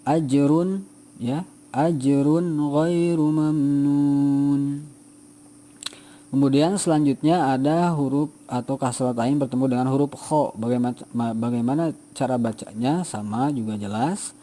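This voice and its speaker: A male teacher giving a patient tajwid lesson to students, repeating each example slowly. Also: medium pitch, mellow.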